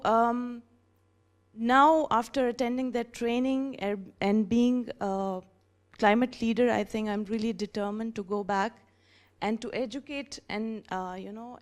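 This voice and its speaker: Brief: female presenter, earnest, slightly high voice. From northern Pakistan. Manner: earnest, with frequent fillers. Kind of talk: conference presentation.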